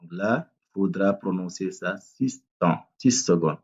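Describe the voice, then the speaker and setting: Low-voiced guy teaching quran reading, repeats words slow, kinda dull muffled audio. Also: darkish tone, slightly rough. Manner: patient, repeats each word slowly, corrects common mistakes. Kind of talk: tajwid lesson with demonstrated recitation.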